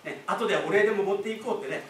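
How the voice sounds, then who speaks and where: A man with a high-pitched voice gives a sermon, talking to the congregation in a relaxed, explaining way with asides and questions. He stands away from the mic in an echoey church hall, with faint room ambience behind him. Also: racing, recorded from a distance, a little hiss or hum. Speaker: pastor.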